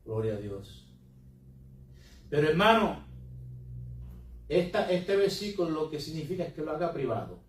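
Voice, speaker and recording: A pastor preaches in a roomy, echoing church hall, his fairly high voice picked up from across the room. He slips English words into his talk as he preaches to the congregation. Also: big pitch swings, moderate pace, long pauses. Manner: preaching with Spanish-English code-switching. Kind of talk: sermon. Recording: echoey room, mic from a distance.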